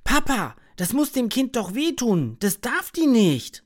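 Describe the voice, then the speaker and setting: A woman voicing a curious, brave young boy who calls out loudly in a storybook. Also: fairly low pitch, normal speed, breathy edge, pitched above the performer's own voice. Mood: shouting upset. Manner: excited, loud calling out.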